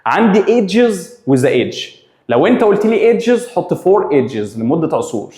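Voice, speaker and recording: A man's voice: high voice, a little slow, roomy sound. A man with an Egyptian Arabic accent, teaching an English grammar revision lesson and repeating each rule as he drills it. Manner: lively, drills rules by repetition, mixing Arabic and English.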